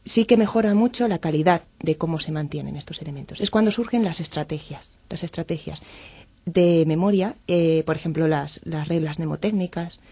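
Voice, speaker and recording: A woman with a slightly low voice explains memory development in a measured, academic way, often restarting her sentences. The recording is dry and close. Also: dark tone, husky, dry recording. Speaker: guest expert.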